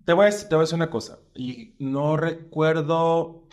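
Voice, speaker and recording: A man, a stand-up comedian chatting casually as a podcast guest, slangy and animated, with lots of fillers. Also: a little high, normal speed.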